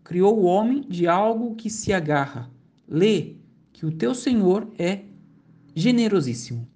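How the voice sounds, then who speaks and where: A woman voicing a male angel messenger who gives slow, deliberate commands in a mellow tone. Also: medium pitch, lively intonation, close to an everyday voice. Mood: commanding.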